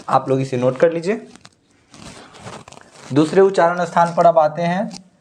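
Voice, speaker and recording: A man teaching a grammar lesson for board exams, slowly explaining each point and drawing out the rules he recites. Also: fairly high pitch, darkish tone. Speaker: Sanskrit teacher. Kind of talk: board-exam grammar lecture.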